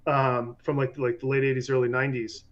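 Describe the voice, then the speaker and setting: A man in a casual podcast conversation, talking in an animated way. He often restarts his sentences and mimics other people when he quotes them. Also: mid-range voice, brisk, highs cut off.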